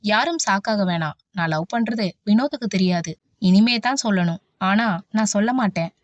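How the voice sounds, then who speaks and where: A woman's voice: medium pitch, animated, moderate pace, dry recording, natural voice. A headstrong young woman who teases and knows her own mind, voiced by a woman narrator. The recording is dry and slightly dull. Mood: cheeky.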